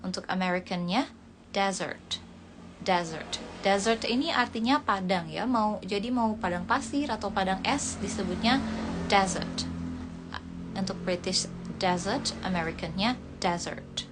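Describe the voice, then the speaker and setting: A woman's voice: medium pitch, moderate pace. A woman teaching English words on a casual livestream, repeating each word and explaining it, her voice dry and cracking. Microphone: phone livestream. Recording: faint background noise.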